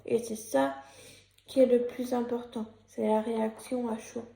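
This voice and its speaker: A young YouTuber with a cold and a sore throat speaks in a fairly high, level, slightly slow voice that sounds gravelly yet warm, in a roomy space. Her casual vlog commentary is partly read from a script, and she hesitates a lot, with many fillers and restarts.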